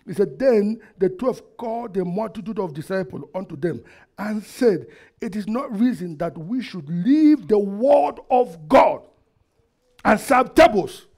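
A middle-aged man, preaching a sermon into a headset mic in a church hall, asking the congregation questions and swinging between loud and quiet. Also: high-pitched, expressive, a little slow. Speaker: pastor. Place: church hall with projector screen, indoors.

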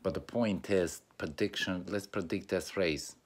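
Albanian-accented man, very deep voice, halting casual vlog talk, lots of fillers. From North Macedonia. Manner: halting, many fillers and restarts. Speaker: YouTuber. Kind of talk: casual race preview monologue.

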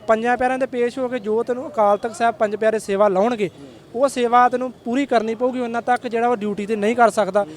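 A man from a community organization giving an earnest explanation to a news camera. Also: very high-pitched.

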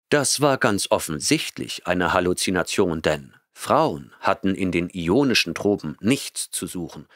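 A man narrating a science-fiction audiobook in a measured, even storytelling manner on a close studio mic. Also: sits low, dry recording. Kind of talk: scripted narration.

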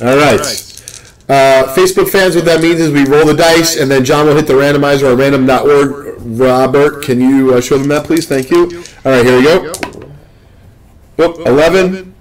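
A young man from the Northeast US hosting a live card-opening stream, rambling and joking with excitement. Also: a little high, normal speed, low-quality recording. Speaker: card break host.

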